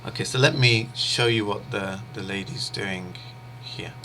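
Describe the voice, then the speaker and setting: In an explanatory online lecture, a native English-speaking interpreting instructor teaches in a measured, patient, steady way. His voice is low but bright and forward, and he pauses often, filling the gaps with small ums and uhs.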